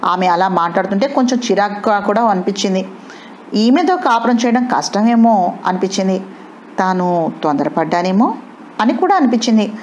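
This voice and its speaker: A woman narrating an audio novel in a steady, measured storytelling manner. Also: mid-range voice, a little hiss or hum.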